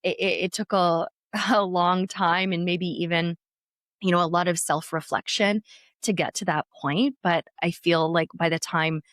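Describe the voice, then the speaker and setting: A woman's voice: lowish voice, fairly even intonation, a little slow, fairly bright tone, no room sound, clean studio sound. A woman in her thirties hosting a podcast interview, speaking reflectively with frequent restarts. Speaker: podcast host, former news anchor. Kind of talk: conversational interview.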